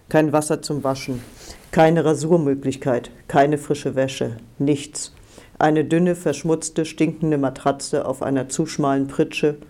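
A man reads an audiobook in a measured, deliberate way. His voice is mellow and rather high for a man, with a calm pace. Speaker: audiobook narrator. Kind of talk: scripted narration.

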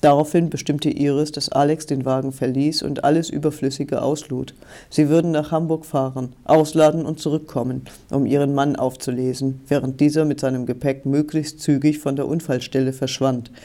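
Mellow male audiobook narrator. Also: mid-range voice. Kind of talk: scripted narration.

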